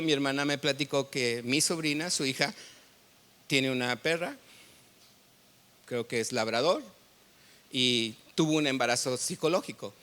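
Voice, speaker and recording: A man's voice: on the high side, a bit bright. A man with a Mexican accent preaching a sermon as pastor, telling stories in a conversational way and quizzing the congregation.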